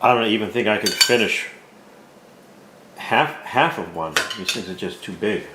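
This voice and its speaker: A man hosting a cooking video, chatting in a folksy, relaxed way while tasting his food. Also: fairly low pitch, normal speed, heavy background noise. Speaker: cooking show host. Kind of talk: casual cooking vlog chat. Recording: roomy with faint clatter.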